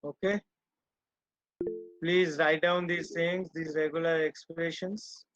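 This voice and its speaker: Male online lecturer. Slow, deliberate and stern with his class, on dull lo-fi call audio. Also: a little high, little pitch movement, fairly bright tone, no room sound, faint music behind. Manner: slow and deliberate, switching between Hindi and English, scolding the students. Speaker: teacher.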